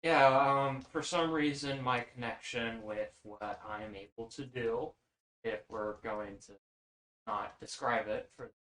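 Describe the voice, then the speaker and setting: A man's voice: medium pitch, a little slow, pushed and bright, a little hiss or hum. A man playing a tabletop game, teasing his friends and swearing casually. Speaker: player. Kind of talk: joking table banter. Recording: roomy sound.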